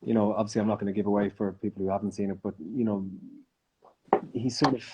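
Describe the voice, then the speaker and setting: Mellow low-voiced man over a call. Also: fairly even intonation, fast, breathy edge, poor audio. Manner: modest, friendly, easygoing. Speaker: voice actor guest. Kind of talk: relaxed interview answers.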